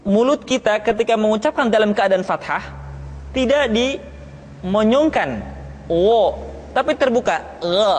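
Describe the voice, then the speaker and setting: High-voiced man teaching slow pronunciation drills. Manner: slow, deliberate syllable-by-syllable drilling. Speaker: Quran recitation teacher. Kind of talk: pronunciation lesson. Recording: long reverb.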